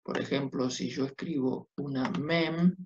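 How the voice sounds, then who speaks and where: A man's voice: mid-range voice, fairly even intonation, measured pace, darkish tone, a little hiss or hum. A man teaching Biblical Hebrew in a class, patiently checking understanding with short tag questions. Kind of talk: classroom lecture at a whiteboard. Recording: dull lo-fi classroom recording.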